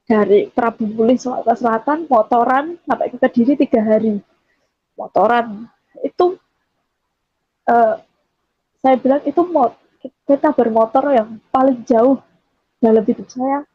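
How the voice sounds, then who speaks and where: A woman's voice: on the high side, moderate pace, pauses often, husky, no echo. A woman from Java giving an earnest personal testimony, often quoting herself as she tells the story. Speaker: testimony giver. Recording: dull, dry recording.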